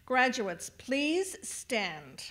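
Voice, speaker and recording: Higher-voiced woman giving a graduation speech. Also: sing-song, drawn-out words. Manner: warm, directing the crowd with instructions. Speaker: adult education staff speaker at graduation. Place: large ceremony venue.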